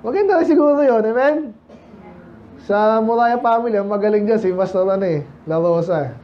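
A man's voice: high voice, normal speed, dull audio, slight background noise. A man preaching a sermon in a conversational way, often asking the congregation questions and quoting English scripture. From Philippines. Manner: mixes English scripture quotes into Tagalog. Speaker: pastor.

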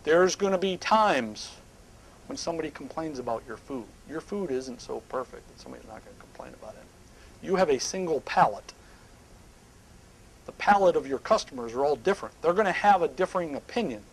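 A middle-aged man speaking at a live seminar on a small indoor stage, emphatic and animated, sometimes dropping to hushed asides. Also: fairly high pitch, fairly quick, vocal fry, breathy edge, low-quality recording.

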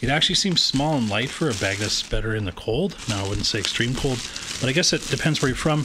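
A Canadian man unboxes and reviews camping gear indoors, filming on a handheld camera pointed down at a wooden floor. His mid-range voice is expressive and fast, and his casual commentary is hesitant and full of fillers, with background noise present.

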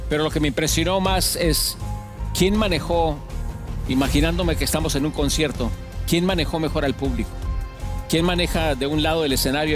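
Older man judge, measured. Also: fairly high pitch. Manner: measured, explaining his reasoning. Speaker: talent show judge.

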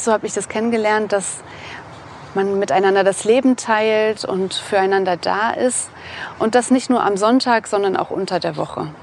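A woman in her thirties from eastern Germany, calmly presenting to camera outdoors on a lapel mic. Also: medium pitch, slight background noise. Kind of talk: scripted explainer to camera. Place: outdoors in a sunny park.

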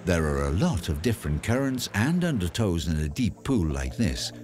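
A man giving calm, explanatory scripted narration for an outdoor documentary. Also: low voice, normal speed, slight background noise.

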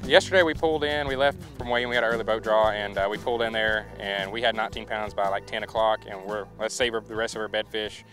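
Fast-talking young male angler. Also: fairly low pitch, steady tone, a bit bright, faint music behind. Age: young adult. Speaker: college angler. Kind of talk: casual interview.

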